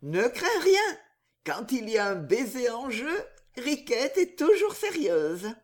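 A woman's voice: on the high side, very animated, slow, pitched above the performer's own voice, exaggerated voice. A woman voicing Riquette, a frank, playful young woman in love, in a dramatized story reading.

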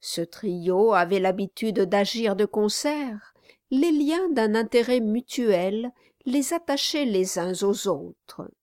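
A woman narrating a classic novel in a measured, even storytelling manner. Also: medium pitch, dry recording, clean studio sound. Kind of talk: audiobook narration.

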